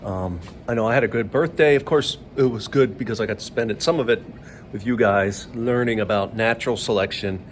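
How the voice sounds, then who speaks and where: A man's voice: lowish voice, a little fast, a little hiss or hum. A man teaching a biology lesson in a chatty, upbeat way, rambling a little as he explains. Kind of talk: casual classroom video lesson.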